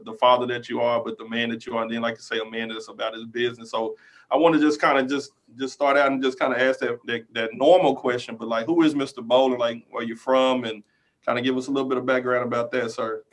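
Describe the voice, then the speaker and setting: A man's voice: medium pitch, fairly even intonation, quick pace, fairly bright tone. A man hosting a casual podcast interview, introducing his guest in loose, repetitive phrasing. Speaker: podcast host.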